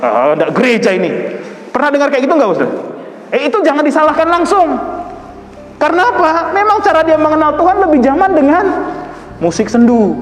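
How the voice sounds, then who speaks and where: A male pastor preaching a sermon, talking in a lively, conversational way and playfully imitating people. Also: very high voice, brisk. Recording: echoey hall, faint music.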